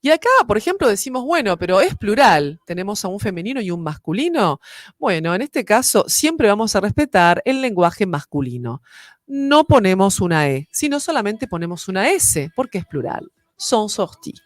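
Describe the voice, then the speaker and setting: A woman teaching a French lesson, her pitch rising and falling in a lively, animated way. She explains patiently and keeps checking in with quick tags. The recording is dry and close. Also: no room sound. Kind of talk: online French lesson in Spanish.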